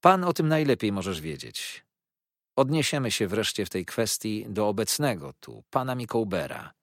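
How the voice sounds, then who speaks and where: Man doing a calm, firm lawyer. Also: lowish voice, moderate pace, dry recording, studio quality. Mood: composed.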